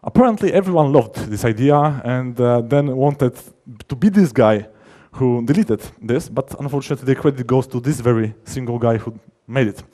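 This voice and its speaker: At normal speed and with hardly any pauses, a man presents at a conference as a software developer. His timbre is mellow and laid-back, his pitch ordinary for a male. He stresses key terms in his informal technical explanations, often halting to restart and rephrase.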